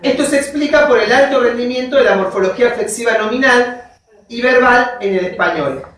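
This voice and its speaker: A lecturer reads from notes in a measured classroom voice, pausing to check that students follow. Examples are spelled out one word at a time. The voice is picked up from well across a very reverberant room. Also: medium pitch, fairly bright tone, slight background noise. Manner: dictates from notes, checks in with frequent "¿sí?". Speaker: university linguistics teacher. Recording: very echoey classroom, voice from far off.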